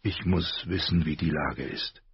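A man voicing a wounded, weary lord, speaking weakly and quietly. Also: very deep voice, measured pace, gravelly, husky, no room sound, dull audio, full character voice.

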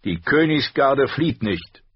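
Typ macht ernsten ritter, langsam und feierlich, leicht heiser, dumpf aufgenommen. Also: male voice, medium pitch, very animated, slow pace, husky, no room sound, highs cut off, pitched above the performer's own voice, full character voice. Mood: solemn. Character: grave, loyal male knight commander.

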